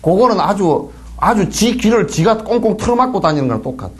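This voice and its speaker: A man with a Gyeongsang Korean accent, a Buddhist monk giving a folksy dharma lecture in a temple hall, full of rhetorical questions and mimicked flattery. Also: sits high, brisk.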